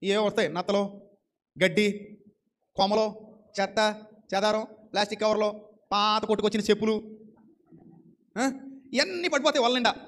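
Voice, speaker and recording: A man's voice: high voice, moderate pace, long pauses, fairly bright tone. A man preaching a sermon with fervent repetition and rhetorical questions.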